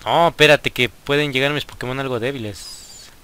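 Over some background noise, a young man speaks at a moderate pace in a medium-pitched voice, his Mexican Spanish accent clear. He's a gaming YouTuber running a laid-back let's play, addressing viewers and reacting to the game with frequent, excitable exclamations.

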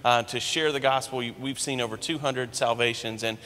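A man's voice: mid-range voice, steady tone, moderate pace, sharp tone. A man, a student minister, speaking eagerly to the congregation from a church stage. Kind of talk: church announcement. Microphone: handheld mic. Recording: long reverb of a large church.

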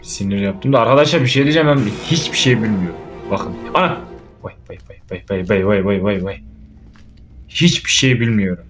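A young man giving casual let's play commentary on a horror game, jumpy and swearing, yelling out when startled. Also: lowish voice, expressive, a little fast, soft background music. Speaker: gaming YouTuber.

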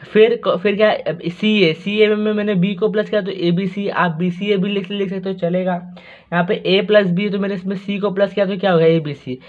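A man's voice: sits high, level tone, moderate pace. A man teaching math, talking through each step in a chatty way and asking the class rhetorical questions. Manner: chatty, asks rhetorical questions, repeats words. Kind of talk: explaining math steps on a board. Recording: tinny phone-like audio.

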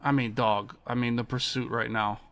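Bright-voiced American man griping while gaming. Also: mid-range voice, level tone, normal speed, smooth, dry recording. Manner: frustrated, profane griping. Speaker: video game streamer. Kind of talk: live gameplay commentary. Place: small indoor streaming room with monitors.

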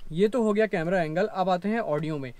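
A man's voice: high-pitched, fairly quick, a little mellow. A man in his thirties explaining his gear step by step, recorded on a lapel mic inside a parked car. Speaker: vlogger. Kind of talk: explanatory vlog talk.

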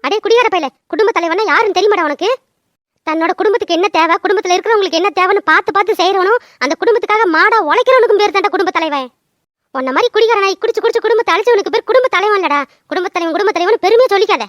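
Woman voicing a sharp-tongued old mother-in-law. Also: very high voice, racing, dry recording, studio quality. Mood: scolding. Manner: scolding, sarcastic. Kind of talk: cartoon voice acting.

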